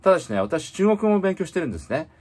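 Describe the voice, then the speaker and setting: A man teaching English in casual spoken style, reading slowly and explaining with many fillers. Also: a little high, sing-song, a little mellow, husky.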